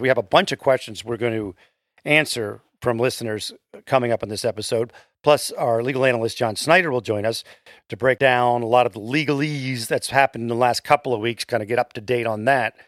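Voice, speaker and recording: A man hosts a casual podcast chat. His voice sits mid-pitch and sounds close, in a dry room with no echo. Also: normal speed. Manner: reads listener comments aloud, defensive but even. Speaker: podcast host.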